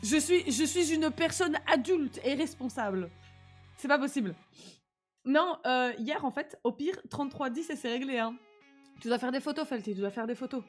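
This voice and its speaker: Young girl streamer chatting, high pitched, lispy slushy s, slangy and animated, bit of music behind. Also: moderate pace. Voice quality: slight lisp, slushy s. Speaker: live streamer. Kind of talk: casual livestream chat.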